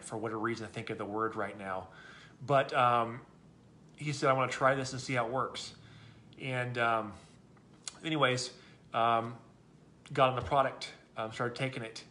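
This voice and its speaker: A man's voice: mid-range voice, sharp tone, a little hiss or hum. A middle-aged man telling product stories in a loose, rambling way, full of ums and restarts. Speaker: product testimonial speaker. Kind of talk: casual testimonial talk.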